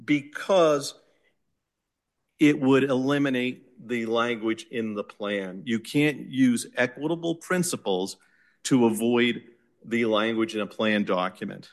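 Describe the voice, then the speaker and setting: A man with a Boston accent, an attorney making an oral argument before appellate judges in a measured, insistent way. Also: mid-range voice. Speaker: attorney arguing an appeal.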